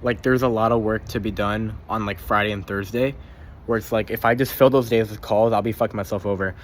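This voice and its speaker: A man's voice: fairly low pitch, fairly even intonation, fairly quick, a little hiss or hum. A young man keeping a casual spoken journal, rambling, swearing freely and often repeating himself or tripping over his words.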